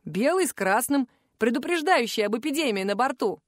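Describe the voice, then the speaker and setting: A woman voicing a rough male pirate sailor who talks in an offhand, boastful way. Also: on the high side, animated, fairly quick, no room sound, clean studio sound, lightly acted.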